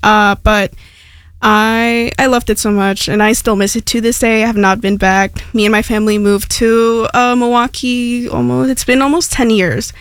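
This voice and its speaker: A woman's voice: fairly high pitch, flat delivery, moderate pace, clear, resonant tone, dry recording, studio quality. Chatty young Mexican-born woman, many fillers. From Hidalgo, Mexico. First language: Spanish. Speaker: radio station intern, guest. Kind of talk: casual interview talk.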